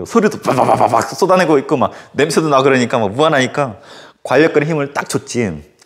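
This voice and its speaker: A man who teaches middle-school history, telling a casual anecdote in a lecture with animated storytelling and lots of filler words. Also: on the low side. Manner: animated storytelling full of filler words and sudden acted outbursts.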